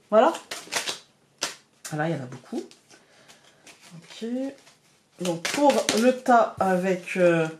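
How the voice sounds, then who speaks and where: A woman's voice: mid-range voice, a little mellow, roomy sound. A woman with a Picard accent giving a weekly tarot guidance, talking directly to her viewers with many hesitations and restarts. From France. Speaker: tarot card reader. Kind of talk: weekly card reading guidance.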